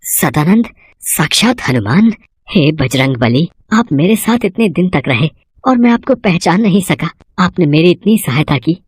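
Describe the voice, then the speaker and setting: A woman's voice: fairly low pitch, very animated, a little slow, breathy edge, dry recording, full character voice. A woman voicing a humble, devout older village priest in a cartoon story, speaking earnestly.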